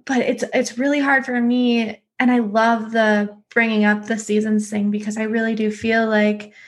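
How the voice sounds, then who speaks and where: A woman's voice: on the high side, level tone, normal speed. A woman hosting a podcast, talking casually, chatty, with frequent laughs and lots of filler words. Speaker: podcast host. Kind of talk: casual conversation.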